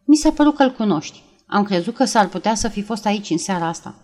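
A woman reading aloud and voicing a heavyset male police officer who questions in a level, flat, unhurried way. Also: medium pitch, natural voice. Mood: calm.

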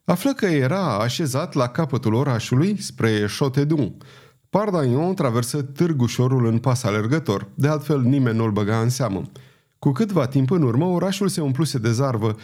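A man narrating an adventure novel in a dramatic, expressive reading. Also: mid-range voice. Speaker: audiobook narrator. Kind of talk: scripted narration of a historical novel.

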